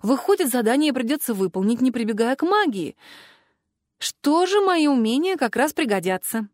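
In a first-person fantasy audiobook, a woman with a fairly high voice narrates expressively and with deep emotion. She speaks at a normal pace, recorded on a close studio mic that leaves the sound dry, with no room around it.

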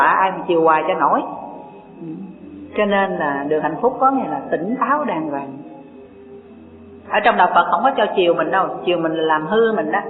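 Buddhist teacher, unhurried preaching with rhetorical questions; tinny lo-fi recording in a reverberant hall, faint music behind. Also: mid-range voice. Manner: unhurried, asks rhetorical questions, reads scripture aloud. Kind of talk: dharma talk sermon.

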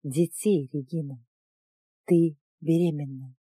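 A woman playing a calm, gently teasing alien man, the narrator's protective fiancé, speaking low and soft. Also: slow, slightly rough, no echo, clean studio sound, full character voice. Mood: gentle.

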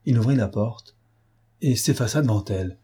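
A man reading a novel aloud in a measured, dramatic way. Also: mid-range voice, mellow, breathy edge. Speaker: audiobook reader. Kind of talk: scripted narration.

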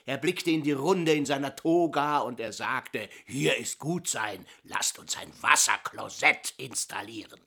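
An actor playing a pompous professor who declaims grandly in a radio drama. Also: male voice, mid-range voice, measured pace, gravelly, few pauses, pushed and bright, heavily acted. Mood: orating. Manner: declamatory, sweeping oratory. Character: pompous old male professor, orating grandly.

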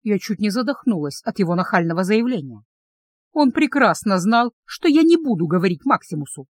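A woman reads a first-person fantasy novel aloud with lively, expressive delivery. Her pitch moves a great deal as she tells the story. The recording is close and dry, with no room sound. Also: brisk, no room sound. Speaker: audiobook narrator.

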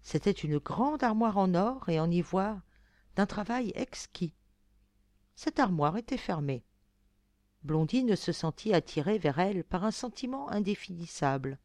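A woman reading a classic fairy tale aloud as an audiobook narrator, clearly and expressively. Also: lowish voice, a little mellow, no echo. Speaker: audiobook reader. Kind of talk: storybook narration.

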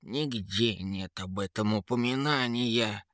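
A man voicing a fierce, desperate troll mother in a storybook, shouting and anguished. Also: fairly low pitch, takes it slowly, dry recording, studio quality.

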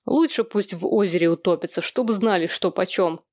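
A woman's voice: on the low side, a little fast, darkish tone, no room sound, lightly acted. A woman reading aloud and voicing a grown man, a father who teases his sister in a dry, mocking way.

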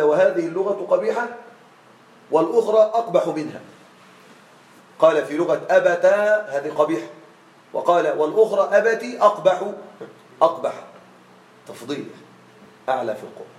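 A man teaching Arabic grammar to a class. He often checks that his students follow along and draws out the example forms slowly. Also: fairly high pitch, expressive, reverberant, rough recording. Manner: checks on students with frequent questions; drawn-out slow spelling of example forms.

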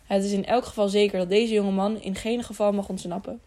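A woman's voice: medium pitch, steady tone, brisk, dark tone, lightly acted. A woman reading an audiobook, voicing a burly, hot-headed man who blusters and accuses. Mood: gruff.

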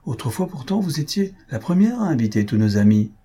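Man doing a breezy, evasive young husband, dark husky voice, storybook. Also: medium pitch, very animated, a little fast, pitched above the performer's own voice. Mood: defensive. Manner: lightly defensive.

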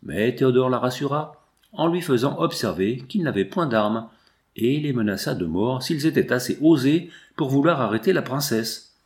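A man narrating a classic novel in a measured, formal reading style. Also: medium pitch, lively intonation. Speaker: audiobook narrator.

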